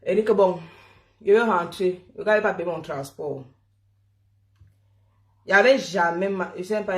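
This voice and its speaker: A woman from Cameroon tells a personal story in a lively, chatty way, often laughing and calling her listeners "mon frère". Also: fairly low pitch, roomy sound.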